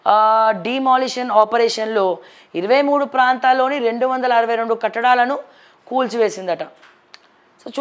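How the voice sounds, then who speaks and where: Here a woman news presenter, high-voiced and speaking with a Telangana accent, runs through the headlines. She comments on them in a casual, opinionated manner and mixes in English words along the way.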